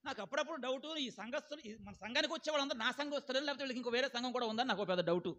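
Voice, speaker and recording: High-voiced pastor preaching to his congregation. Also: racing, sharp tone, dull audio. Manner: calls on the congregation to answer aloud; keeps asking "ఏమండి?". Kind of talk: sermon.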